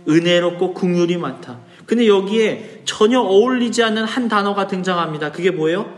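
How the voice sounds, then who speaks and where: A man's voice: high-pitched, expressive, a little fast. A pastor preaching a sermon, asking his congregation rhetorical questions and pleading with feeling as he voices the psalmist. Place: church hall. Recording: echoey church with soft music behind.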